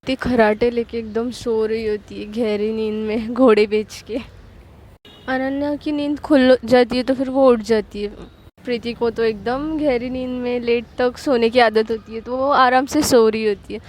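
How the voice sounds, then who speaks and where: Lively young woman telling a story. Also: on the high side, moderate pace. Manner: lively, expressive narration. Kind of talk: casual storytelling narration.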